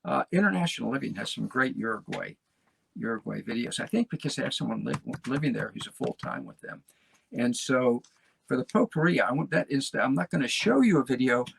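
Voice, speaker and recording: A man in his seventies hosting a talk show, folksy and rambling, encouraging his listeners with a gravelly voice. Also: medium pitch, rough recording. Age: 70s. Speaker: podcast host. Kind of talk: motivational casual talk.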